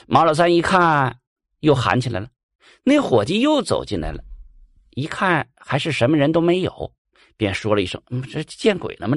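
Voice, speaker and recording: A male storyteller spinning a folk ghost story in a colloquial, animated way. His pitch rises and falls widely, and the sound is dry and close to the mic. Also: dry recording.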